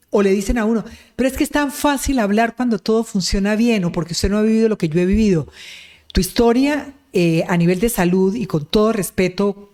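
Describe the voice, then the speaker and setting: A woman's voice: mid-range voice, a little mellow. A woman hosting an online interview, effusive and full of praise, with religious turns of phrase. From Colombia. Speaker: interview host.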